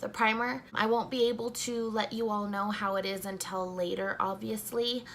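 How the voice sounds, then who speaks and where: A young woman chats through a makeup review in a soft, slightly sleepy voice. Her pitch sits in a middle range for a woman. A faint hiss sits under the recording. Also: fairly even intonation, normal speed. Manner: soft-spoken, just woken up. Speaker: beauty vlogger.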